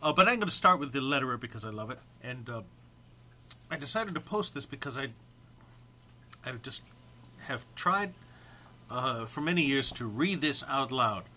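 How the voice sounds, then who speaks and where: An amateur reader recording for an online post informally introduces some comic text, then reads it in a mock-solemn way while struggling not to laugh. His mid-range voice is animated, pushed and bright, at normal speed with long pauses, plus a little hiss or hum.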